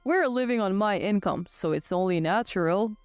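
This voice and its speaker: A woman reading the lines of a cold, domineering young husband who barks short, bossy orders. The voice sits fairly high and dry, close to the mic with no room sound, and soft music plays behind it. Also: expressive, moderate pace, no echo, lightly acted. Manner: curt and bossy. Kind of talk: scripted storytelling.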